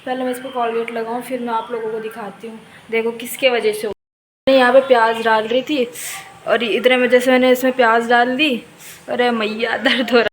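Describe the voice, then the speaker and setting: A woman's voice: fairly high pitch, level tone, fairly quick, slight background noise, poor audio. A young woman chatting casually to viewers in a home vlog, laughing often, and later sounding tired and unwell. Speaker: vlogger. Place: indoors and in yard of a home.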